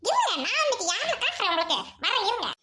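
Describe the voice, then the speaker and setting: A jealous young wife in a home-made drama, put on by a woman in a lower voice. She taunts and mocks with scornful sarcasm. Her voice still sits high. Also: very animated, racing, very noisy. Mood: taunting. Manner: mocking, sarcastic, scornful laughs.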